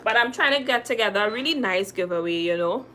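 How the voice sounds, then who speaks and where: This makeup artist, a young woman with a Trinidadian accent, talks casually to her livestream audience while going through their comments. She speaks quickly at a medium pitch, and a faint hiss or hum sits under her voice. Lively and talkative, she repeats herself for emphasis and addresses viewers as "sis" and "girl."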